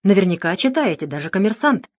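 A composed, sarcastic male detective, as a woman reader puts him on, needling his captive with unhurried mockery. The voice stays cool and even at a middle pitch. An audiobook character reading.

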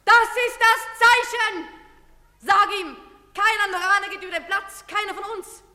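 A woman's voice: very high voice, moderate pace, sharp tone, reverberant, in a large hall, full character voice. A defiant young woman crying out. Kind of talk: 1950s German radio play.

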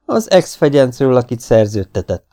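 A man voicing a mysterious masked male avenger in an audiobook, calm, mocking and self-assured. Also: mid-range voice, voice pushed up, natural voice. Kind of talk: audiobook character voice.

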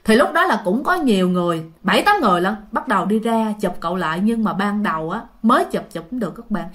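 A woman's voice: medium pitch, expressive, quick pace, fairly bright tone. A woman narrating a ghost story in a chatty way, often addressing her listeners directly.

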